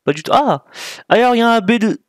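A man's voice: very high-pitched, expressive, quick pace, dry recording, studio quality. A man giving casual gameplay commentary, thinking aloud while he plays and mocking himself with frequent apologies. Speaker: gaming YouTuber.

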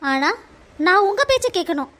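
A woman voicing a very high-voiced anxious young wife. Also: big pitch swings, moderate pace, fairly bright tone, heavily acted. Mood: indignant. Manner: emotional, stammering. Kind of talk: cartoon family drama dubbing.

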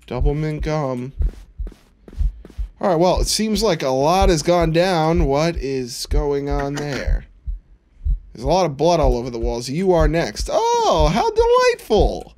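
A man's voice: fairly high pitch, measured pace, long pauses, a little mellow, slight background noise. A man giving casual, jokey commentary while playing a horror game, with dry sarcastic asides. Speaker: video game streamer.

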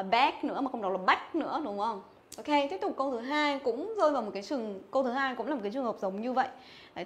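Young female teacher, fairly high voice, livestream drill style, repeats each word and keeps asking if students got it. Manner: drills words by repeating them, checks in with "nhớ chưa?". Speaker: English teacher. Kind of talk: livestream pronunciation lesson. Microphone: phone or webcam mic on a livestream.

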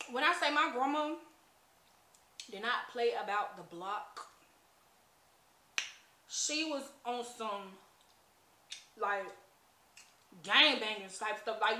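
A woman's voice: high-pitched, pushed and bright. A young American woman telling a rambling, casual story while eating, often with her mouth full. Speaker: mukbang vlogger. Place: indoors, small bare-walled room at a table. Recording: echoey bare room.

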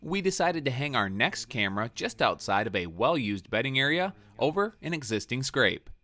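A man narrating a scripted voice-over for an outdoor show in an even, measured way. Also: mid-range voice, no echo. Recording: narration over guitar music.

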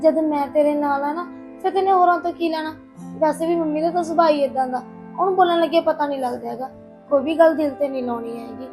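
A woman's voice: high-pitched, fairly even intonation, fast talker, darkish tone, soft background music. A woman playing a caring, reassuring sister-in-law in a Punjabi drama. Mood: soothing. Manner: soothing, reassuring.

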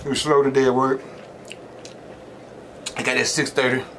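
A man's voice: mid-range voice, flat delivery, moderate pace, a bit bright, slight background noise. A middle-aged man with a Southern US accent chatting casually between mouthfuls as a mukbang host, in a folksy, rambling storytelling way. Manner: talks between mouthfuls of food. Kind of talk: casual chat while eating.

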